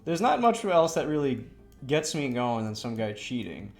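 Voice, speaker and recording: A man's voice: medium pitch, very animated, moderate pace, a little mellow, faint music behind. A young man, a streamer, telling a story in a casual, rambling way while he draws. He swears a lot and fills his talk with lots of "like" and "you know".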